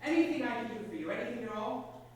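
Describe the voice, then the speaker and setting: A woman plays an eager, earnest boy full of adventurous dreams in a stage drama. The voice is fairly high and heard from a distance, ringing through a very echoey hall. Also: fast, natural voice. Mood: anxious, respectful. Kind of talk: stage play acting. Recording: echoey hall with long reverb, distant mic, faint noise.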